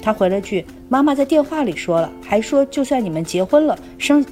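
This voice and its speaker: A woman co-hosting a podcast, reading a listener's letter aloud at a steady, conversational pace. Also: a little high, fairly quick, soft background music. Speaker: podcast co-host.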